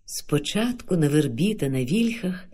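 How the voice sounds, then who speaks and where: A man reading a play aloud as narrator, in an expressive, lilting way. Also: a little high, a little slow.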